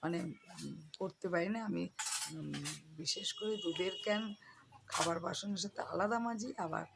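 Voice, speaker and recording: A hoarse woman vlogging casually at home, chatting straight to her viewers with many fillers. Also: on the low side, normal speed. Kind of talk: casual home vlog narration. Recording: noisy home recording.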